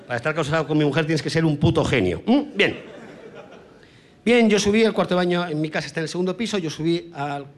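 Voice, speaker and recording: Here a Spanish stand-up delivers his crude monologue at a quick pace, his slightly high voice expressive. His brash punchlines come alongside sudden bursts of shouted sound effects.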